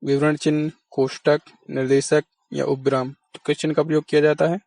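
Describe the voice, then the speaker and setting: A man's voice: on the high side, little pitch movement, fairly quick, creaky, a little mellow, dry recording. Patient male teacher, dry close sound. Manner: patient, asks and answers his own questions. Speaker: exam-prep teacher. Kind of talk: explanatory lesson.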